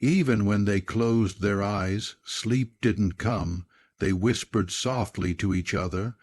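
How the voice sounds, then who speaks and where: A man narrates a dramatic story in an even, measured delivery. His voice sits low, and the recording is dry and close with no room sound. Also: no echo. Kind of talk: scripted narration.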